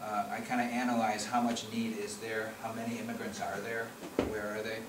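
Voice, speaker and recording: A man's voice: on the low side, flat delivery, fairly quick. A middle-aged man from the Chicago area giving a conversational presentation with slides, often restarting and repeating words. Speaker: policy researcher giving a talk. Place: meeting room at a conference. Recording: echoey room from far off, noisy.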